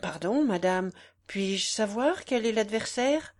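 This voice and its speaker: A woman's voice: medium pitch, animated, slow. A woman reading as a grave fencing master. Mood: polite. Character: a military-mannered fencing master, man about forty, grave and composed.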